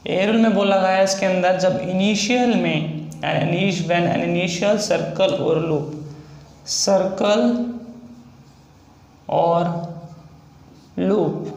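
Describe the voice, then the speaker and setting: A man's voice: sits high, creaky, darkish tone, reverberant. A man teaching a shorthand lesson in a casual, repetitive style. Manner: explains slowly, repeats sounds and steps.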